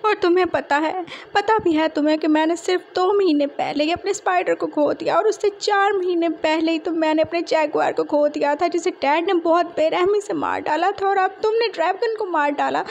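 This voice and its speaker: A woman voicing a childish, chatty young man who rambles and complains tearfully in a fan fiction story. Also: extremely high pitch.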